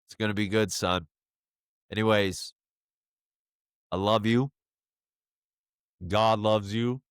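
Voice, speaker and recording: A man recording a personal video message to his young son, halting and emotional, choked up and full of fillers. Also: on the low side, fairly even intonation, smooth, no room sound, clean studio sound.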